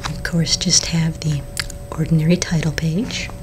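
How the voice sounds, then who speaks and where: A woman gives a whispered role-play of a library story hour in a soft, breathy library whisper. Her voice sits low, and she moves gently and informally through a picture book. A faint low rumble of noise lies under the recording. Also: flat delivery, measured pace. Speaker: librarian reading a Halloween picture book aloud.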